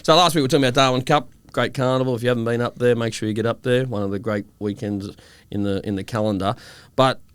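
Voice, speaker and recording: A man in his thirties with an Australian accent, co-hosting a casual pub-style podcast and telling animated yarns. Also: medium pitch, quick pace, clean tone, no room sound. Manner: animated storyteller, acts out mates' voices. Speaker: podcast co-host.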